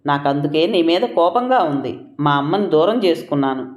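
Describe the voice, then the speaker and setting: A man's voice: fairly high pitch, animated, moderate pace, lightly acted. A storyteller voicing a troubled middle-aged father who speaks earnestly and reproachfully to his son. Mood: sad. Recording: roomy echoing room.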